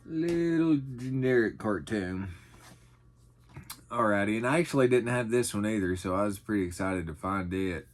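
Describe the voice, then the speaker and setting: This middle-aged man is a vlogger going through thrift finds in an off-the-cuff haul video. His lowish voice moves fast with hardly any pauses and fairly even intonation, and his talk is folksy, rambling and self-deprecating.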